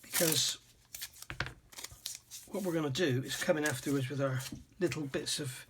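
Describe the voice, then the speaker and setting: A man's voice: a little high, normal speed, fairly bright tone, slight background noise. A man hosting a scale model building channel, talking casually at his workbench in a rambling, self-deprecating way, his throat dry and catching now and then. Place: home hobby workbench.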